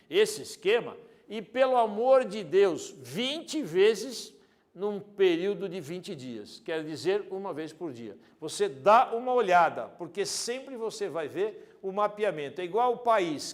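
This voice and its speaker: A high-voiced man, an exam prep teacher, gives a lively anatomy video lesson, joking and speaking directly to the student while swinging between loud and soft.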